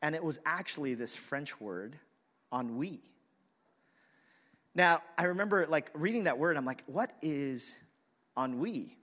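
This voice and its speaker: A man preaching a sermon as pastor, conversational and animated, telling stories and speaking to the congregation. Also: on the high side, unhurried, long pauses. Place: church in a city, siren heard outside.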